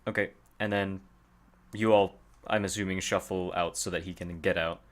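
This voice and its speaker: Male game master, low voice, halting casual narration. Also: fairly even intonation. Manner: halting narration with fillers, chuckling.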